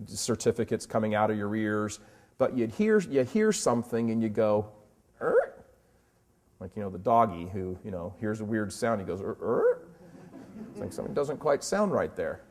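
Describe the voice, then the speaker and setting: A man's voice: lowish voice, darkish tone. Emphatic man in his fifties. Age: 50s. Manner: emphatic, fires rhetorical questions, slows down to stress words. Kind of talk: impassioned commentary.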